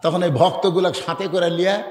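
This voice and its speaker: A Bangladeshi-accented man preaches with a high, ringing voice, stretching his lines into a melodic chant and then bursting into shouts. He addresses a big gathering, and his voice rolls through a long, echoing reverb. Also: fairly even intonation. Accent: Bangladeshi Bengali. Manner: swings between drawn-out sing-song chanting and loud shouting. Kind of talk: fiery sermon with chanted storytelling. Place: large religious gathering. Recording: echoey hall reverb.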